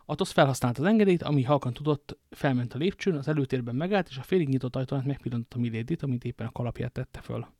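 A man narrating a novel aloud, with even, steady storytelling. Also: medium pitch, hardly any pauses, no room sound, studio quality. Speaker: audiobook narrator. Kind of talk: novel reading.

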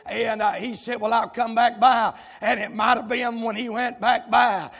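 A folksy Southern US pastor preaches a fiery sermon that swells into shouting. His voice sits high, gravelly and husky. A long reverb from the church sanctuary follows every phrase. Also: little pitch movement, moderate pace. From South Carolina, US.

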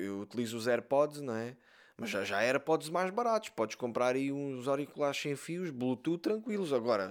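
A man with a European Portuguese accent hosting a solo podcast, telling crude jokey stories straight to his listeners. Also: mid-range voice. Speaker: podcast host. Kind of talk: casual solo podcast rant.

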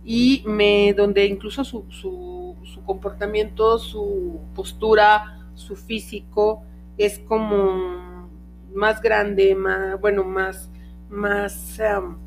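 A woman's voice: mid-range voice, extremely slow, creaky, soft background music. A woman hosting a casual podcast about dogs, often searching for words with fillers and restarts, recorded on a podcast microphone. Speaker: podcast host, dog trainer. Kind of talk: casual explanatory podcast talk.

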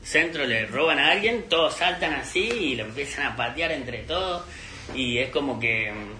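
Animated Argentine man, echoey room. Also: mid-range voice, moderate pace, slight background noise. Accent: Argentine Spanish. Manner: animated, acts out dialogue with laughter. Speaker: podcast host telling a story. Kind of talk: casual storytelling.

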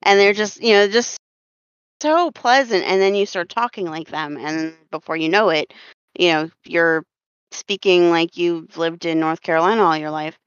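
A woman's voice: lowish voice, moderate pace, clean tone, no echo. A woman from Florida with a slight Southern drawl, hosting a casual podcast chat, rambling with fillers and frequent laughter. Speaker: podcast host. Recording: dull lo-fi dry sound.

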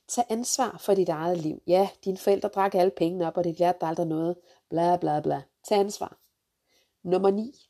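A woman ranting through a countdown of pet peeves, blunt and sarcastic, swearing freely and jumping into sharp outbursts. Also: mid-range voice, creaky, slightly rough. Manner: jumps to sharp loud outbursts. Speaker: vlogger, mother.

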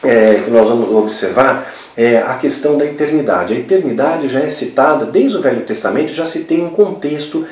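A man's voice: medium pitch, animated, moderate pace, darkish tone. A man gives a religious teaching talk, explaining step by step and often checking in with tag questions. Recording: roomy, from a distance.

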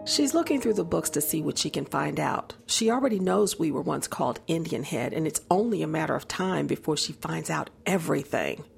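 A woman's voice: sits low, animated, brisk, vocal fry, hardly any pauses, faint music behind, exaggerated voice. An actress playing a tense, nagging woman with secrets, speaking in a pressing, accusatory way in an audio drama. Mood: worried, confronting.

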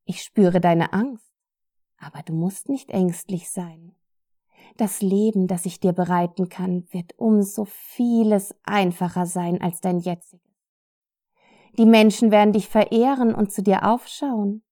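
Woman reading as a proud ancient cat goddess, imperious, smooth and coaxing, slow and deliberate, storybook audiobook. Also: medium pitch, a little mellow, close to an everyday voice. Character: haughty female cat goddess, ancient and scheming.

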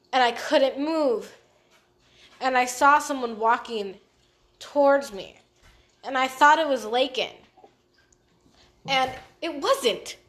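A young woman co-hosting a casual podcast, rambling through a story with many fillers and mild swearing. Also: high-pitched. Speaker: podcast co-host.

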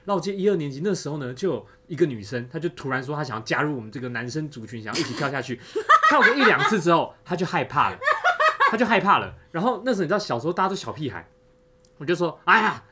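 Low-voiced fast-talking woman. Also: very animated, a bit bright, slight background noise. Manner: fast, joking, swears casually. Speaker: podcast co-host. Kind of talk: casual chat, storytelling.

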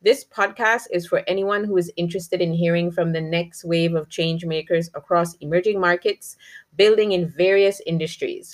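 A woman hosting a podcast, introducing the show and interviewing a guest in a measured, deliberate way. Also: lowish voice. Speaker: podcast host.

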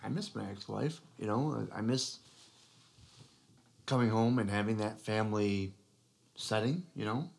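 Low-voiced man in earnest podcast chat. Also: gravelly, a little mellow. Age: adult father. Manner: earnest, halting, with many restarts and "you know". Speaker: podcast co-host.

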